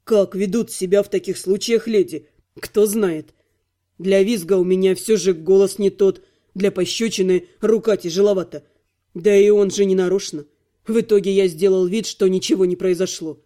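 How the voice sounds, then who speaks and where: A man narrates an audiobook in the first person, his voice sitting fairly high for a man. The tone is soft and mellow rather than bright. He tells the story with dry, self-mocking irony. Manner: wry, self-ironic storytelling.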